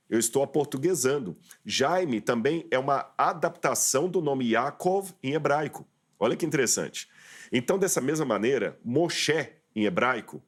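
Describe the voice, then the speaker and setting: A man, a guest professor on a studio talk show, explaining terms step by step in an interview. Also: medium pitch.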